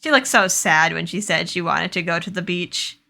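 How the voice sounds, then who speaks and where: A woman voicing a gentle, remorseful young man who acts as a guardian, reading game dialogue aloud in a soft, wistful way. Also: lowish voice, animated, normal speed, vocal fry, pitched below the performer's own voice, heavily acted. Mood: tender.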